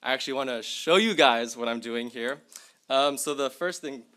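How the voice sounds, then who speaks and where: A young man presents at a symposium in a university lecture hall, speaking at a moderate pace with a medium pitch and sharp tone. He's a tech presenter who demonstrates tools live, chatting casually and talking right to the audience.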